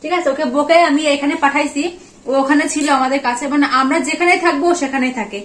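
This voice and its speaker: A woman's voice: high-pitched, steady tone, fast talker, fairly bright tone. A woman vlogging at home, coaxing her pet dog with repeated short words. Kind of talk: casual home vlog, talking to a pet dog. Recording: echoey room.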